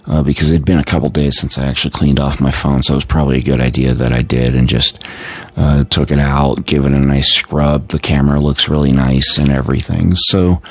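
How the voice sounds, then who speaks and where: A man with a very deep voice talks casually on a live stream, tired and yawning. His delivery stays low and flat as he rambles on with many fillers and restarts. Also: fairly quick.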